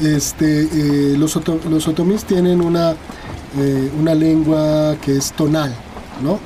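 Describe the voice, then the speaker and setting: A man's voice: on the high side, flat delivery, slow, warm tone, a little hiss or hum. A man with a Mexican accent, a guest linguist explaining things in an interview, hesitant and full of fillers and tag questions.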